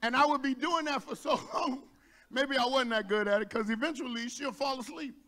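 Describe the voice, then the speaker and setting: A male pastor from Texas preaching a sermon, building to shouts at the high points and joking with the congregation. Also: brisk. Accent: Texan. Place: church sanctuary.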